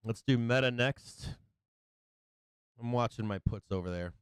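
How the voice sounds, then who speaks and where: A man gives casual live market commentary in a very clear, resonant voice at a medium pitch. He is blunt and profane, talks in trader slang and jokes freely. The sound is close and dry. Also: measured pace, no echo. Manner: jokey, chuckles often at own remarks. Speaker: host of a live stock market show.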